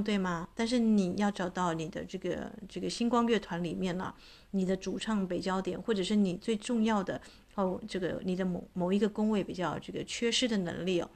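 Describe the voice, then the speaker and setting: Woman, voice coach, casual chatty talk, lots of filler particles, mid pitch. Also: brisk, a little mellow. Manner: chatty, many filler particles, imitates cat meows. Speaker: voice and astrology coach.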